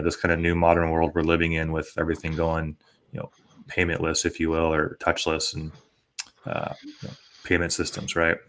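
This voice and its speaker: A man's voice: low-pitched, fairly bright tone. A man with an American accent hosting a casual panel discussion in a rambling, conversational way. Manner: rambling, peppered with conversational tags. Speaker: podcast host.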